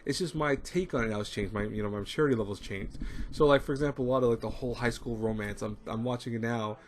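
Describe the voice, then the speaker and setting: A man of thirty talks quickly and casually into a desk webcam, stumbling over his words and circling back with fillers. His pitch sits mid-range, and a faint hum of ambience with people talking nearby fills the small room behind him. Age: 30s. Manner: rambling, repeats words, frequent fillers. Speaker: anime review channel host. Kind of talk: casual talk to camera. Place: small home room with shelves, indoors.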